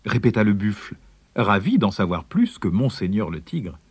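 A man narrating a storybook in a measured, expressive way. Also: fairly low pitch, breathy edge, dry recording.

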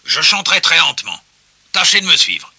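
A man voicing an eager, bold male pig who loves action and leads his friends loudly. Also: fairly high pitch, very animated, fairly quick, gravelly, husky, no room sound, pitched above the performer's own voice, full character voice. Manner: loud, enthusiastic, bossy. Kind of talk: storybook reading.

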